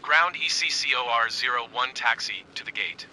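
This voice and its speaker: A male pilot talking into his cockpit headset at an everyday middle pitch. His brief, clipped read-backs follow the standard phrasing of radio calls. A steady engine drone sits clearly under his voice. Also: normal speed, low-quality recording. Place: cockpit of a small aircraft. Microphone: cockpit headset mic. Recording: headset mic over loud engine drone. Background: aircraft engine noise.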